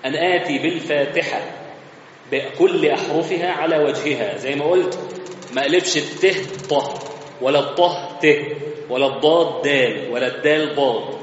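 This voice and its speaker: A religious teacher with an Egyptian Arabic accent gives a lesson in a large mosque hall, explaining things step by step in a conversational way. His voice is fairly high and his pace moderate. The recording is echoey and slightly muffled, with a little hiss or hum.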